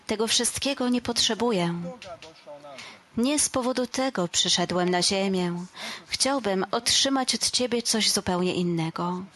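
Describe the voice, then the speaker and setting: A woman voicing a kind male Jesus who speaks softly and reassuringly to a child in a told story. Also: mid-range voice, a little slow, natural voice. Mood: gentle.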